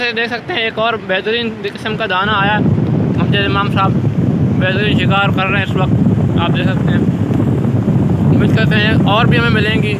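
A young man from Pakistan recording an upbeat selfie vlog on a phone held at arm's length on a windy beach, addressing his viewers. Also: high-pitched. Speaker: vlogger. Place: sandy beach outdoors, windy. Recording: loud wind and surf noise.

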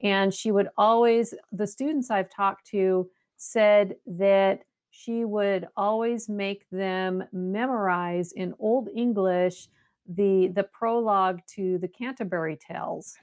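A woman's voice: mid-range voice, steady tone, takes it slowly, darkish tone, smooth. Enthusiastic West Coast woman guest. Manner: enthusiastic, laughs often, repeats words while thinking. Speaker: guest, paranormal investigator. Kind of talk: casual interview talk.

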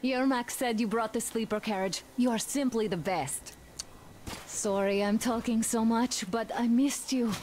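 An actress voices a young woman soldier in a video game, affectionate but quick to turn businesslike. She speaks in an earnest, brisk, commanding way, with faint noise behind her. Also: a little high, fairly even intonation, a little mellow, natural voice, rough recording. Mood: relieved, affectionate. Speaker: squad member giving a mission briefing.

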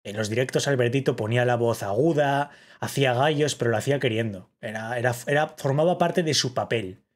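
Husky Spanish man reacting excitedly. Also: mid-range voice, brisk. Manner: excitable, shouts in mock awe, repeats himself. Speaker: streamer reacting to a clip. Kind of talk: casual reaction commentary.

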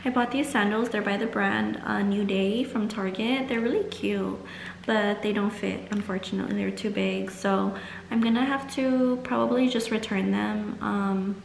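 A young adult vlogger chats informally to her viewers from a small room at home, scattering "like" throughout her talk. Her mid-range voice is gravelly, and the rough recording has room echo and slight background noise.

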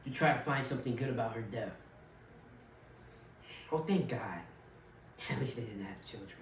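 A man performing a dramatic monologue as a grieving widower, bitter and heartbroken, with a measured, quiet, halting delivery. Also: medium pitch, slight background noise, close to an everyday voice. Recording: roomy echo, from far off.

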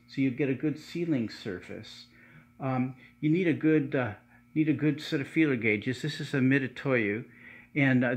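Man, middle-aged, casual garage how-to, stop-start delivery, indoor workshop. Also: mid-range voice. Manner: halting, many fillers and restarts. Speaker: channel host restoring cars.

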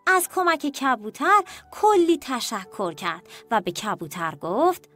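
A woman narrating children's stories in a scripted, animated way, talking directly to the kids. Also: high voice. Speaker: storyteller. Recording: soft music bed.

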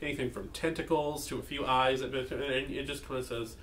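A man's voice: mid-range voice, steady tone, normal speed, fairly bright tone. A man narrating a tabletop game as game master, casual and rambling.

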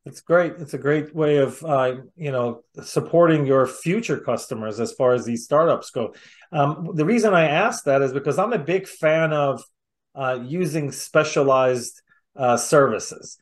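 Over a video call from an indoor room, a middle-aged man hosts a casual interview. His voice sits a little high and he takes his time, picked up by the video call microphone.

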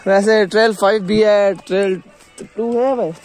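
This casual hiking vlog features a young vlogger with a Pakistani Urdu accent, filming on a handheld phone as he chats his way up a wooded hill trail. His high-pitched, slightly mellow voice keeps fairly even intonation at normal speed, with soft background music behind it.

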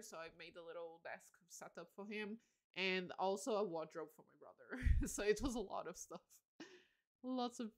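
A woman in her late twenties livestreams a game, chatting in a casual, candid way. She sounds a little tired, giggles a lot, and pokes fun at herself, all in a mid-range voice.

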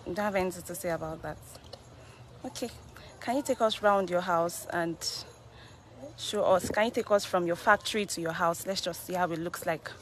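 A Nigerian woman hosting a live interview, prompting with brisk questions and short "okay"s. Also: fairly low pitch, slight background noise. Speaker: host. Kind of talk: live interview and walk-through.

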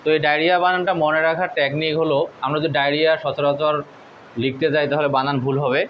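A man teaching English spelling tricks, spelling words out letter by letter in a slow, deliberate way. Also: fairly high pitch, flat delivery, highs cut off, a little hiss or hum. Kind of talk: spelling lesson.

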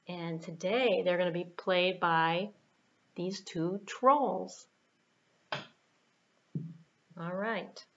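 This library puppeteer and storyteller, a middle-aged American woman, speaks in a fairly low pitch as she narrates a puppet show for kids. Her delivery is animated and unhurried, full of playful asides, and the recording from the small indoor room sounds dull.

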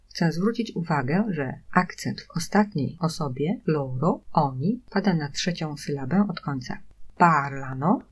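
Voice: mid-range voice, a little mellow, slightly rough, highs cut off. A language teacher giving a recorded lesson, patiently saying each example phrase twice before explaining it. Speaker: Italian teacher.

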